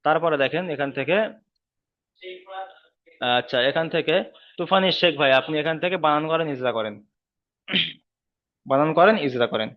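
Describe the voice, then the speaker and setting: A man's voice: on the high side, narrow, tinny audio. Patient man teaching recitation online. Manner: patient, repeats letters and syllables slowly. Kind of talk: online class tutoring. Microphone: video call.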